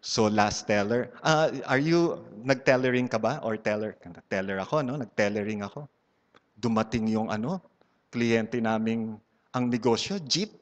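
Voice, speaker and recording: A man's voice: medium pitch, measured pace. Filipino guy telling a funny church story, switching languages, teasing the crowd, big echoey hall. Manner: playful storyteller, mixing Tagalog and English and teasing the audience. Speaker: speaker at a church community gathering. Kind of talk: humorous testimony talk. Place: large hall before a live audience. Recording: long hall reverb.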